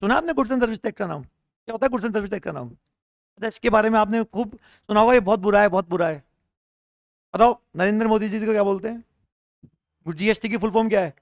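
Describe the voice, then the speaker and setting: A man's voice: sits high, no echo, clean studio sound. A man with a sore throat, lecturing a class on tax and firing rhetorical questions at the students in a joking, argumentative way. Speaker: tax teacher at a coaching class.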